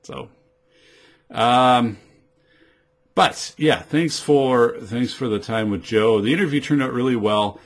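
A man hosting a podcast in a casual, rambling monologue, with halting delivery, on a studio microphone. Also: mid-range voice. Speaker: podcast host.

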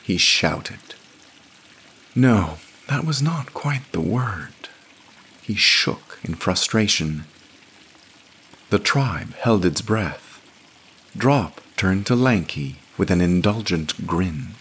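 A man narrating a scripted fantasy story in a measured, expressive reading. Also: low voice, breathy edge.

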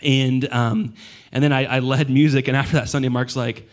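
A man in his thirties speaks as a pastor looking back on his work. His voice is hoarse and worn, as if it has nearly given out. He talks casually and haltingly at a church service, with a self-deprecating, informal touch. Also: medium pitch, fairly even intonation. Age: 30s.

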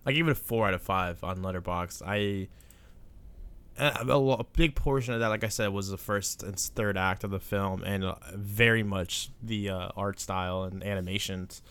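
A man's voice: fairly low pitch, normal speed, fairly bright tone, clear, resonant tone. A young man co-hosting a podcast, chatting casually about films in an informal, slangy way with some swearing. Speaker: podcast co-host. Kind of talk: casual film chat.

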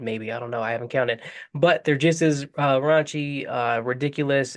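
A man hosting a casual podcast, chatty and loose. His voice sits in a middle range, and he rambles into asides as he talks. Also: medium pitch. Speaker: podcast host.

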